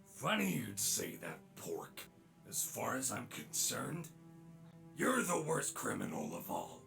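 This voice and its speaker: An actor playing a bitter, commanding robot villain in a dramatic video game. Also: male voice, fairly low pitch, huge pitch swings, slow pace, gravelly, fairly bright tone, faint music behind, full character voice. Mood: grim, accusing.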